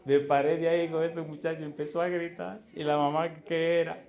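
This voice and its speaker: A man's voice: a little high, little pitch movement, normal speed, gravelly, darkish tone, reverberant. A middle-aged Dominican man preaching as a pastor, telling a playful story and asking the congregation rhetorical questions. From Dominican Republic. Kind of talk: sermon with storytelling.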